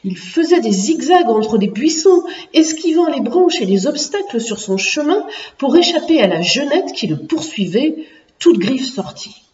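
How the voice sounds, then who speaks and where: A woman narrating a children's storybook in an expressive, lively storytelling manner. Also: high voice, measured pace. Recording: echoey room, distant muffled mic.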